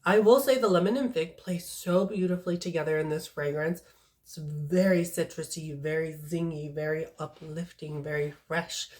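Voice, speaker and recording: Sassy fragrance vlogger, woman, lower-pitched voice, blunt and slangy. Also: steady tone, moderate pace, darkish tone. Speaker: fragrance reviewer. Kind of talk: casual vlog review.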